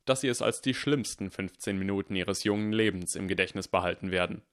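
A man voicing a stern, cunning male teacher who speaks calmly, deliberately and firmly. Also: sits low, natural voice. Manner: calm, deliberate and firm.

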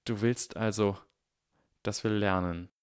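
A man voicing a clever, excitable young schoolboy wizard in an audiobook, eager and lecturing. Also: lowish voice, slow pace, clear, resonant tone, dry recording, studio quality. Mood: restrained. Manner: eager, lecturing, barely restrained. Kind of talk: audiobook character voice.

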